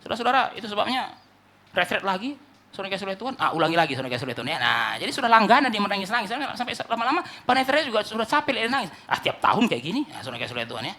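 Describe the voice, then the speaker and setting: A male pastor preaching an animated sermon, often calling out to the congregation and mimicking churchgoers. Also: high-pitched, rapid-fire.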